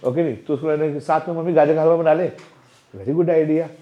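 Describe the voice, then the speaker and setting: A man's voice: fairly high pitch, steady tone, a little fast. A man who is a temple president giving an interactive spiritual talk to parents, often asking the audience questions in a playful, chatty way. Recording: dull lo-fi recording.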